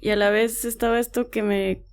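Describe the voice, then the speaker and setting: A woman's voice: fairly high pitch, little pitch movement, moderate pace, smooth. A woman in casual podcast conversation, speaking reflectively with an indignant edge.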